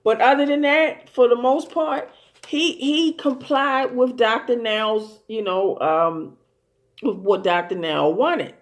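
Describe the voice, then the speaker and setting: A woman's voice: fairly high pitch, takes it slowly. A woman giving a casual recap and commentary on a TV episode, blunt and amused, swearing freely and using lots of fillers and restarts. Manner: rambling and profane, with many fillers and restarts. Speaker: TV show commentator.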